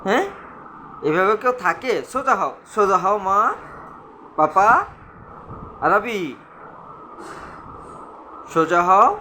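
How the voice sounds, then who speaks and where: A man's voice: sits high, lively intonation, unhurried, long pauses, pushed and bright, a little hiss or hum. A man at home talking to his toddler in coaxing, sing-song baby talk, full of playful exclamations. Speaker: father filming his toddler. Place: at home indoors.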